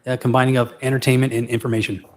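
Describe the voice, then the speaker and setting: A middle-aged man giving formal testimony as an expert witness, measured, matter-of-fact and halting. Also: mid-range voice, flat delivery. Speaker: expert witness, retired state trooper and forensic analyst. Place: courtroom. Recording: faint background noise.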